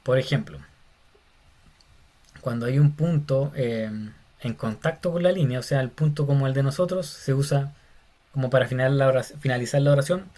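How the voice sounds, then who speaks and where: A man's voice: mid-range voice, moderate pace, pauses often, warm tone. A man teaching a Bible Greek lesson, explaining step by step in an informal, friendly way and calling listeners "hermano". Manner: casual, addresses listeners as "hermano", many fillers. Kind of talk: informal lecture.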